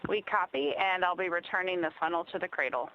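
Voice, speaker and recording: A woman calmly reporting a fault to the ground over a space-to-ground radio communicator, matter-of-fact and measured. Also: on the low side, no echo. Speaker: crew member reporting to ground. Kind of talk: calm procedural radio report. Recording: dull, muffled radio line.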